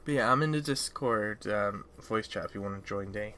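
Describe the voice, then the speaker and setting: A woman's voice: a bass voice, normal speed, a bit bright, a little hiss or hum. A sleepy woman, chatting loosely and giggling often as she streams a game. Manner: giggly, rambling, often breaks into laughter. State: sleepy, yawning. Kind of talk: casual live-stream chat.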